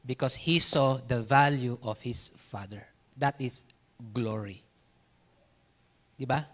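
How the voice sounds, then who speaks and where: A man with a Filipino accent preaching a sermon, animated, telling stories and switching between Tagalog and English. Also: medium pitch, takes it slowly. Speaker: pastor.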